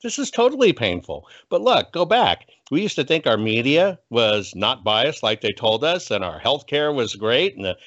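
A man's voice: medium pitch, big pitch swings, moderate pace, hardly any pauses, fairly bright tone. An American man speaking as an activist guest, delivering motivational political commentary in a punchy, folksy, preachy way. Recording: dull, muffled lo-fi audio.

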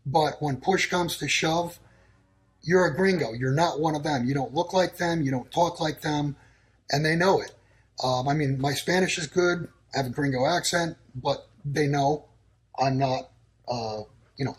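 Appearing as a guest on a talk show in Texas, a man answers casually but issues blunt, declarative warnings in short, clipped sentences. His voice sits a little high, and he speaks at a moderate pace.

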